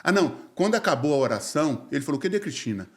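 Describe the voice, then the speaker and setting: Fast-talking slangy pastor. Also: male voice, fairly high pitch. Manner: slangy, animated, acts out quoted dialogue. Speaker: pastor, podcast guest. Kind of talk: casual testimony storytelling.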